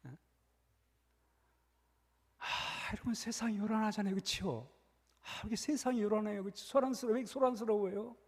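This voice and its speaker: A man preaching a sermon as a pastor, telling a story with lively repetition and asking the congregation questions. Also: sits high, a little fast, pauses often. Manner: animated storytelling, repeats phrases, asks the congregation questions. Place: church sanctuary. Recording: echoey church hall.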